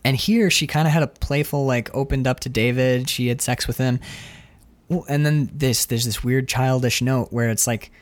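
A man co-hosting a casual film discussion podcast, talking in an animated way, swearing casually and acting out characters' lines in shifting voices. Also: mid-range voice, normal speed. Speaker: podcast co-host.

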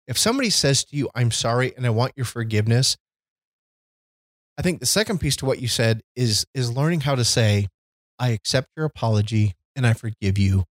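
A man's voice: medium pitch, dry recording. A man co-hosting a podcast, talking earnestly and reflectively about fatherhood and forgiveness, reading scripture aloud. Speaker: podcast co-host. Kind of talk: casual faith-based discussion.

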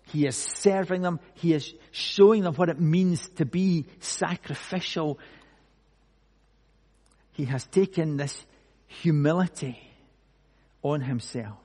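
A male pastor preaching a sermon slowly and emphatically, with dramatic pauses. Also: fairly high pitch, warm tone, slightly rough. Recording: long hall reverb.

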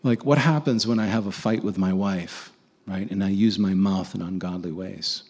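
A man's voice: low voice, fairly even intonation, normal speed, a little mellow, breathy edge. A man preaching a conversational sermon, earnestly asking his listeners rhetorical questions and often restarting his sentences.

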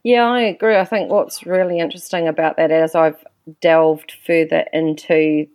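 A woman interviewing a guest, chatty and lively, describing herself as loud. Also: low-pitched, normal speed, no room sound. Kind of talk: interview conversation.

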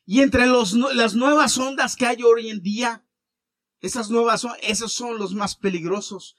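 A man preaching a sermon as pastor, animated, with wide swings between loud and quiet. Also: very high voice, unhurried, no echo.

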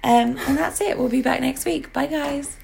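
A woman hosts a casual podcast in a very creaky, hoarse croak, pitched fairly high. She is animated and jokey, punching out exclamations over some background noise. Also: moderate pace, poor audio. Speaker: podcast host. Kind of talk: casual film and TV podcast chat.

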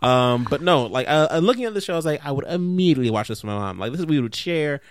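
A man's voice: on the high side, expressive, fast talker, clear, resonant tone, no echo, clean studio sound. A man in casual conversation who rambles, fills his sentences with "like," and slips into silly voices when he quotes himself. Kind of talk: casual chat.

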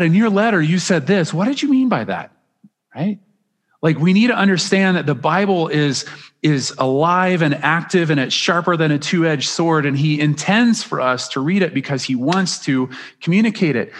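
A man preaching a sermon as pastor, earnest and emphatic, often restarting his phrases. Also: on the high side. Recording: long reverb of a large hall.

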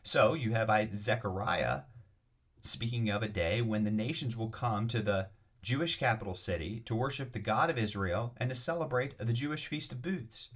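A man's voice: lowish voice, moderate pace, a bit bright. A man teaching as a rabbi, reading scripture passages aloud and explaining them with emphatic, repeated points and occasional restarts. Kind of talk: lecture on scripture.

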